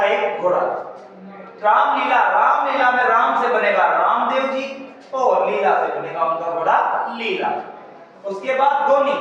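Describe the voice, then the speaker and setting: A high-voiced male teacher runs a classroom lesson, firing questions and having students repeat answers back to him. His voice carries from a distance through a strongly echoing room. The recording is dull and lo-fi, with a faint hiss behind it. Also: a bit bright. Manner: call-and-response questioning, addressing students as beta. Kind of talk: classroom exam-prep lesson. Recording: echoey room from far off, dull lo-fi sound.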